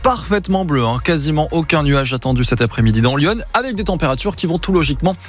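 Male weather presenter, lively banter, light music bed. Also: a little high, fast. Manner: lively, chatty, self-correcting. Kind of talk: chatty weather forecast.

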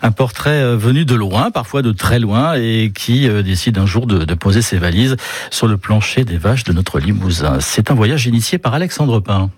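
A man's voice: lowish voice, lively intonation, normal speed, a little hiss or hum. A man hosting a local radio morning show, chatting casually with many fillers and light jokes. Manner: chatty, filler-heavy, laughs at own jokes. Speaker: radio host.

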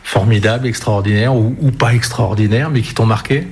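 A man's voice: fairly low pitch, a little fast, a little mellow, slightly rough. A man asking short, informal interview questions.

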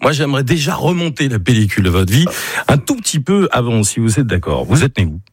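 A man hosting a radio interview, asking his guest measured, guiding questions. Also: mid-range voice, big pitch swings, breathy edge, no room sound. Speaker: radio host.

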